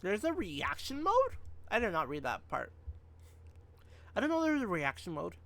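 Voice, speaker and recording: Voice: mid-range voice, big pitch swings, moderate pace, a bit bright. A game streamer reading story text aloud during a live playthrough, stumbling, rereading and chatting to viewers.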